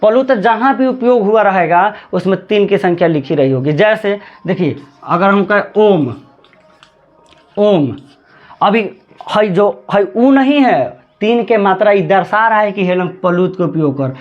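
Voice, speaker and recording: A man teaching a grammar lesson, repeating words slowly and drawing out chanted examples. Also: high voice, animated, muffled recording.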